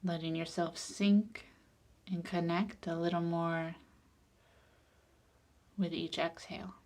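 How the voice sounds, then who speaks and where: Leading a guided meditation, this woman speaks slowly and soothingly in a lowish, soft voice. Each phrase tends to end on a breathy note.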